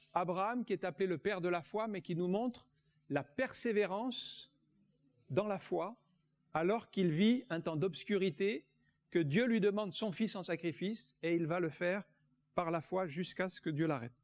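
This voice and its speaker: A man delivers a sermon in a notably high voice. He reads scripture aloud and preaches with emphasis, drawing out the words he wants to land. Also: moderate pace. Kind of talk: sermon with Bible reading.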